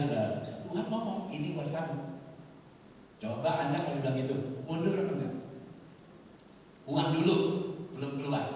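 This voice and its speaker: A man's voice: medium pitch, darkish tone, slight background noise. A man, a pastor preaching a sermon, telling a personal story and acting out the voices of the people in it. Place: large church hall. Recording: echoey church hall, mic from a distance.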